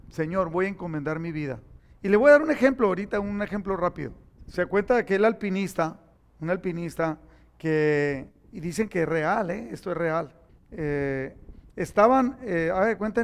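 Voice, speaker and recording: A middle-aged man preaching a sermon, telling personal stories and acting out the dialogue. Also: sits high. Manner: animated storytelling, acting out dialogue.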